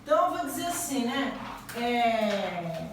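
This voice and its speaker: A woman's voice: a little high, sing-song, normal speed, fairly bright tone, a little hiss or hum. A Brazilian woman teacher giving a classroom grammar lesson, quizzing students with rising questions. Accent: Brazilian Portuguese. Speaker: Portuguese teacher. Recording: echoey room, mic at a distance.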